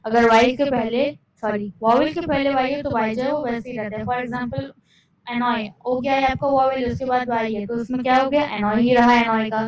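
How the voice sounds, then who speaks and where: Against a noisy background, a woman whose voice sits high explains English spelling in Hindi. After slowly reading a rule in English, she explains it fast in Hindi and asks herself questions she then answers.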